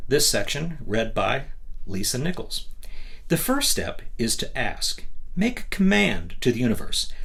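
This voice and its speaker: A man with a mid-range, gravelly, fairly bright voice hosts a motivational book reading. He reads aloud with emphasis and instruction, mixing in asides and rhetorical questions.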